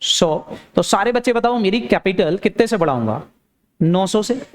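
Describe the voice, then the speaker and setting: A man teaching an accounting class in a lecture style, firing questions at students and answering them himself in a lower voice. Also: lively intonation, normal speed, a little mellow. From India. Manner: urging, repeats phrases for emphasis.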